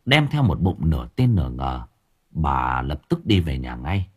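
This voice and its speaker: A man narrating an audiobook story in an expressive, dramatic reading style. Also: extremely low pitch, unhurried, slightly rough, faint music behind.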